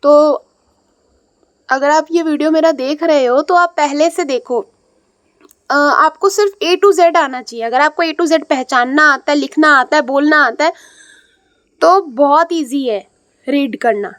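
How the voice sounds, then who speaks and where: A woman's voice: sits high, a little slow, long pauses, a bit bright, no room sound. A woman teaching young students English reading, explaining patiently and checking in often. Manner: patient, repeats and checks with "ठीक है".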